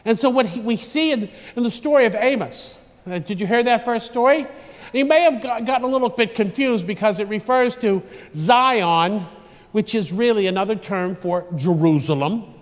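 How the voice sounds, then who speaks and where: A man preaching an informal, conversational homily in a large echoing church, haltingly, often repeating and restarting his phrases. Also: high voice. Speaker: priest preaching. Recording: dull recording with long church reverb.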